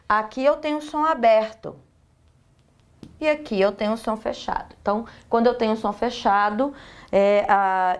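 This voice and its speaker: Woman, Brazilian accent, teacher, slightly high voice, patient step-by-step explaining. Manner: explains step by step, asks and answers her own questions, many fillers. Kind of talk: recorded online lesson.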